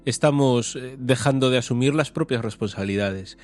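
A man giving casual, jocular radio commentary, halting and correcting himself as he goes. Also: medium pitch. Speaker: regular radio contributor.

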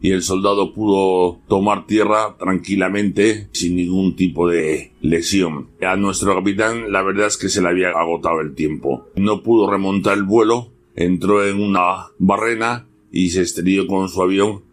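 A man with a somewhat low voice tells a story as a guest on a radio show. He talks casually and at ease, often falling back on easy filler words as he goes. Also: normal speed, few pauses. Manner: relaxed, with fillers like "bueno, pues".

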